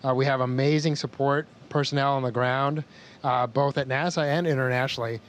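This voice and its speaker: A man's voice: medium pitch, steady tone, brisk. An American man speaking as an astronaut in a formal space-to-ground communication style. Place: inside a space station. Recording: faint noise on space-to-ground link.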